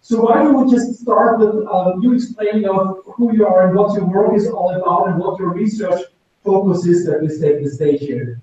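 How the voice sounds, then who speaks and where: A man's voice: high voice, moderate pace, darkish tone. Man moderating a webinar from a distant mic. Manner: loose and rambling, with frequent fillers. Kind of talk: hosting a live webinar discussion. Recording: roomy and dull from a distant mic.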